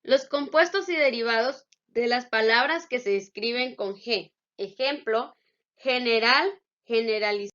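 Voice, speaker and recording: A woman teacher explaining spelling and punctuation rules slowly and with careful enunciation. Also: fairly high pitch, a bit bright. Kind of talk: spelling and grammar lesson. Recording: dull lo-fi recording.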